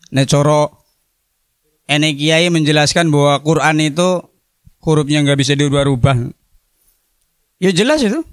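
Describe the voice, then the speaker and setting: A man's voice: fairly high pitch, no echo. A middle-aged man, a religious teacher giving a classroom lecture on a religious text, explaining it word by word with playful asides on word meanings. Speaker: religious teacher at an Islamic boarding school.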